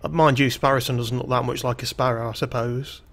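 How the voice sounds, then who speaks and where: A man's voice: mid-range voice, fairly even intonation, brisk, a bit bright. A man streaming a game, reading the on-screen text aloud and adding wry, jokey asides in a casual let's-play style.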